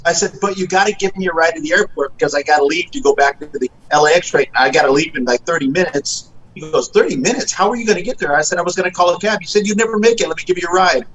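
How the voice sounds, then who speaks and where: A middle-aged man telling his story in a relaxed chat over a video call, his voice a little higher than most men's, with quoted lines acted out and plenty of "uh" and "um". A faint hiss runs under his voice. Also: quick pace, few pauses, rough recording. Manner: animated, acts out quotes, frequent fillers. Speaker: guest guitarist.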